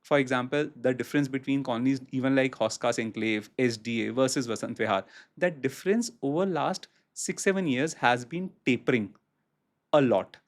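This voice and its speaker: A man with an Indian accent answering as a real estate expert on a podcast, explaining haltingly and repeating phrases for emphasis. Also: mid-range voice.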